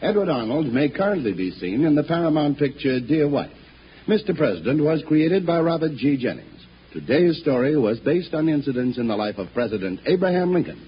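A man's voice: on the high side, big pitch swings, fairly quick. A man formally reading closing credits, heard as an old radio broadcast transcribed on disc. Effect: old broadcast disc sound. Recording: noisy lo-fi old broadcast disc, voice set back from mic.

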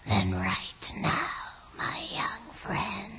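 An actor playing an ancient vampire count who speaks in a smooth, courteous, domineering whisper, in a radio drama. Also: medium pitch, wildly swooping pitch, very slow, bright, forceful tone, exaggerated voice. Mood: insistent. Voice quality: whispered, breathy delivery. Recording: dull lo-fi audio.

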